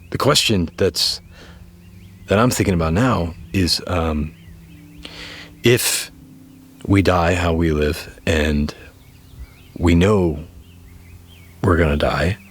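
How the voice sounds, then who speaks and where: A man hosting a reflective conversation, speaking in a thoughtful, deliberate and halting way. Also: sits low, slightly rough. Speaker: host. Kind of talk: reflective interview and casual musing.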